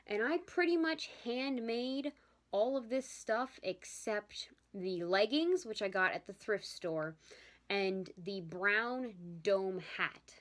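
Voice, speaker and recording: A woman's voice: medium pitch, animated, slow, fairly bright tone. A young woman chatting casually in a vlog about her handmade costumes, talkative and often apologizing. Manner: chatty, apologetic, yawning at times. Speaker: vlogger showing her handmade cosplays. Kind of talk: casual chat.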